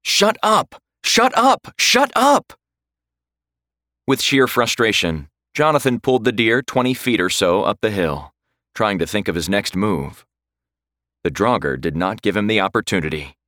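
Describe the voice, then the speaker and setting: A man reading a horror story aloud in slow, dramatic scripted narration. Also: fairly low pitch, animated, a bit bright, no echo, studio quality.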